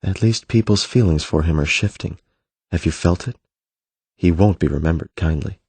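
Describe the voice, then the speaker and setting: A man voicing a gentle, thoughtful young prince in an audiobook, soft-spoken and reflective. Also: low-pitched, moderate pace, vocal fry, slightly rough, no echo, exaggerated voice. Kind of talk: audiobook character voice.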